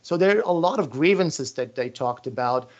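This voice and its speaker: A man hosting an interview, framing long, deliberate questions and recounting his own travels. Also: on the high side, lively intonation, lo-fi sound.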